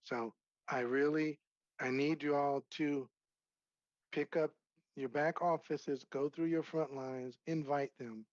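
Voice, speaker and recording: A man on a video call urging his sales team on in a fired-up, preacher-like pep talk. His voice sits a little high and dry, with a dull, lo-fi sound. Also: fairly even intonation, takes it slowly, no room sound. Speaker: company trainer on a video call.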